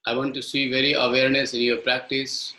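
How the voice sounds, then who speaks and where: A man's voice: mid-range voice, flat delivery, very slow, pushed and bright, echoey room, low-quality recording. Indian man coaching an online yoga class. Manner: mixes Hindi and English, coaching students by name. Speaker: yoga teacher.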